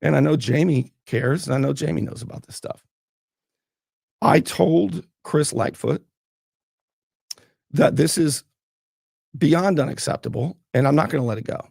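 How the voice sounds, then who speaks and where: A man's voice: fairly high pitch, a little slow, creaky, long pauses, a little mellow, slightly rough, dry recording, clean studio sound. A man hosting a talk show, getting fired up and blunt as he questions his guest. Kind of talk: heated political interview.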